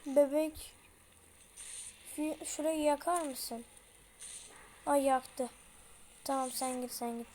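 High-voiced young woman narrating a horror game. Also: fairly even intonation, slow, long pauses, mellow, slight background noise. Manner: chatty, slangy, panicky outbursts pleading with the game. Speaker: gameplay streamer. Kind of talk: casual horror game commentary.

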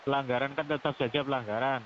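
Fast-talking man over a muffled phone line. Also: mid-range voice, steady tone. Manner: polite but pushy, tags sentences with "ya". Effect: heard over a phone line. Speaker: caller posing as a police officer. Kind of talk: formal, official-sounding phone talk. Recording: dull, lo-fi phone line with faint hiss.

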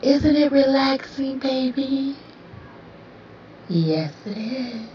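A young woman speaking slowly in a soft, breathy half-whisper, soothing yet commanding and repeating her phrases. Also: high-pitched, expressive. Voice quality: breathy, often slipping into whisper. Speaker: roleplay audio performer. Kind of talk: whispered hypnotic roleplay ASMR. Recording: roomy, distant, dull lo-fi sound with faint hiss.

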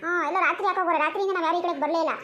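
A woman's voice: very high voice, steady tone, rapid-fire, bright, forceful tone, slight background noise. A woman voicing defensive village neighbour women in a cartoon comedy, arguing back. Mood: bickering.

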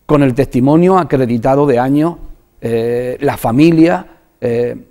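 Earnest Spanish pastor with a mellow voice. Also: male voice, medium pitch. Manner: earnest, halting, repeats words when moved. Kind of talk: personal testimony in a religious TV interview.

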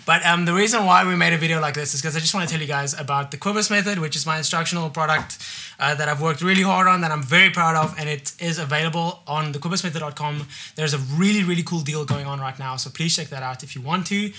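A man hosting a drum channel, hoarse from screaming, wrapping up in a friendly, apologetic way. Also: fairly high pitch, quick pace, pushed and bright. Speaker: drum teacher and channel host. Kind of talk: casual talk to camera.

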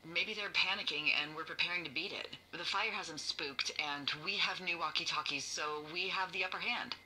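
An actress playing a wry, playful, tipsy fire lookout talking over a walkie-talkie in a naturalistic video game. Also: female voice, on the low side, moderate pace, pushed and bright, a little hiss or hum, rough recording. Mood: worried.

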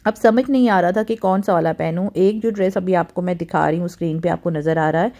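A middle-aged woman from Pakistan narrates her home vlog in a low, mellow voice. She talks in a chatty, easygoing way, full of fillers and stray English words. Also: fast talker. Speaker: vlogger.

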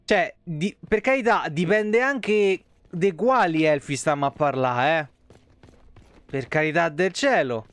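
A game streamer in his thirties with a Roman Italian accent gives casual, slangy live commentary and chats with viewers in rambling asides. His voice is fairly high, slow, and a bit bright, with no echo.

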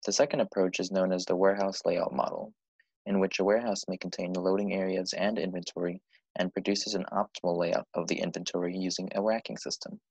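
Male student presenter, husky low voice, measured explanations of a team project. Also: a little mellow, dry recording, rough recording.

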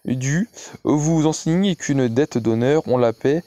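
A man's voice: mid-range voice, takes it slowly, mellow, no echo, close to an everyday voice. A man voicing a proud, ruined young viscount who speaks formally and earnestly in an audiobook reading.

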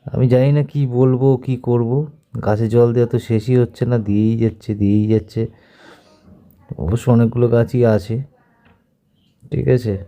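A man's voice: mid-range voice, flat delivery, normal speed, long pauses, dark tone. A man with a slight sore throat, narrating a family vlog in a rambling, repetitive, self-mocking voice-over. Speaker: vlogger narrating his wife's day. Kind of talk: casual voice-over commentary.

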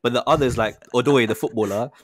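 A man co-hosting a podcast in casual chat, mostly short deadpan reactions. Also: medium pitch, fast talker, slight background noise. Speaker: podcast co-host.

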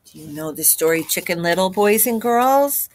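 In an indoor classroom, a middle-aged teacher tells a picture-book story to children with lots of expression. She speaks at a normal speed in a medium-pitched, expressive voice.

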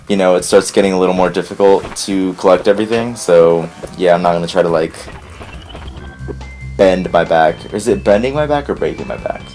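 Rambling, excitable male let's play host. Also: deep voice. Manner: rambling, excitable, yelps and swears when things go wrong. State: voice strained from recent voice loss. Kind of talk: casual gameplay commentary.

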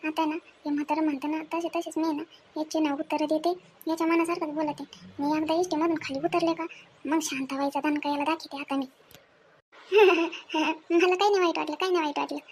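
A woman, acting as a sharp-tongued, fearless village woman in an amateur family skit, scolding and teasing in quick speech. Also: high-pitched, fairly even intonation, slight background noise. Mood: scheming.

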